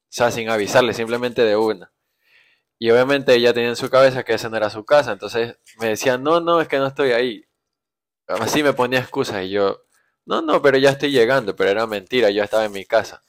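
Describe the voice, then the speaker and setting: A man's voice: medium pitch, quick pace, no room sound, clean studio sound. A young man in a casual chat with his partner, chiming in with short teasing remarks. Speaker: co-host, her partner.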